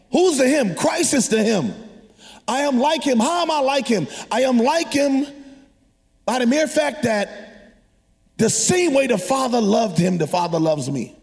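High-voiced man preaching in a reverberant hall. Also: a little mellow. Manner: exhortative, conversational, prompts listeners with questions and call-and-response. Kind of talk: energetic sermon to a congregation. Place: large hall, preaching to a live congregation.

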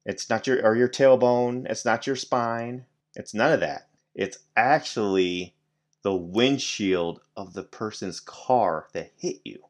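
A man's voice: on the low side, slow pace. Rambling casual man podcasting solo. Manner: rambling, casual, many fillers and restarts; jokey, swears casually. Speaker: podcast host.

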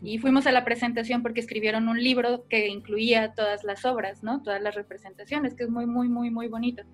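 A woman's voice: on the high side, fairly even intonation, brisk, soft background music. A woman hosting a podcast, telling an anecdote in a conversational interview. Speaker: podcast host.

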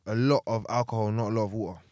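A man's voice: fairly low pitch, fairly even intonation, racing, darkish tone, no echo. A young man with a London accent hosts a podcast in casual, slangy banter, repeating words for emphasis as he tells stories. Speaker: podcast host.

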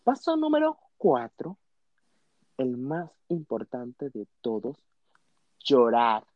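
A man co-hosts a comic podcast with a lively, swooping voice, full of theatrical mockery. He acts out other people's lines in exaggerated tones. The recording sounds dry and a little dull, with no room echo. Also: medium pitch, takes it slowly. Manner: theatrical, mocking, plays voices of others in quotes. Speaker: podcast co-host. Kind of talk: comic mock advice chat.

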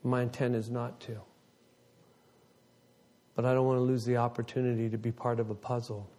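A man in his fifties giving an emotional testimony to his congregation as its ministry leader. He tells the story with great animation, and his voice surges high whenever he gets excited. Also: normal speed. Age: 50s.

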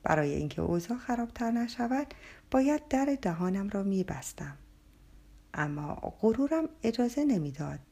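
A woman narrating a story with a breathy, half-whispered, dramatic delivery. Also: mid-range voice, very animated, dark tone.

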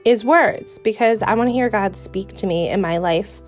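A young adult woman with a New York accent hosts a casual podcast, delivering an earnest, chatty monologue about her faith, full of fillers and restarts. Her voice is medium-pitched at a normal speed, with soft music in the background.

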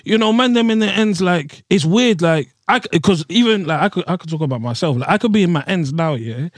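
A man's voice: high-pitched, lively intonation, fairly quick, dry recording, clean studio sound. A young man with an urban London accent chatting casually on a podcast in repetitive, slangy phrasing. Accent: London, urban street.

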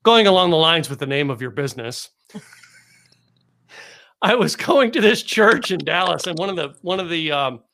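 Man, podcast host, high voice, rambling casual talk, restarts, chuckles. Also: lively intonation, moderate pace, creaky, long pauses, bright, forceful tone, a little hiss or hum. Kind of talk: casual interview chat. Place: Dallas area.

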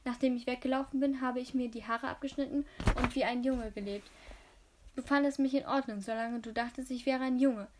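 A woman reads as a tough, stubborn teenage girl who holds her ground and answers back plainly. The voice sits a little high, close to the reader's own, in an amateur audiobook reading. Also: steady tone, fairly quick, a little hiss or hum, lightly acted. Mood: defiant.

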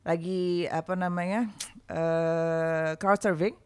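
Low-voiced woman, casual podcast chat, slangy, lots of fillers. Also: fairly even intonation, takes it slowly, darkish tone, clean tone. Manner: candid storytelling, slangy, frequent fillers. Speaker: performer.

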